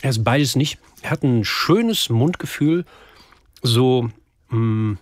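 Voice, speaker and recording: A man's voice: mid-range voice, animated, slow, dry recording. A man hosting a radio show, talking playfully and joking while tasting food on air. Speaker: radio host. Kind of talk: casual radio conversation.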